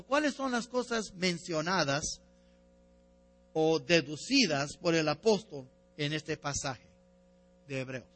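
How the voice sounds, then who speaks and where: A man preaching a sermon to his congregation. He stumbles, corrects himself and repeats phrases, and his voice climbs and swells when he reads scripture aloud. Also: fairly bright tone. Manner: rises in pitch and force when reading scripture. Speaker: pastor.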